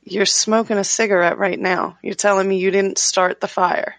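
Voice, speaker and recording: A woman plays a tabletop game at a middle pitch, playful and quick to giggle. Her voice comes through dry and close. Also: little pitch movement, no room sound.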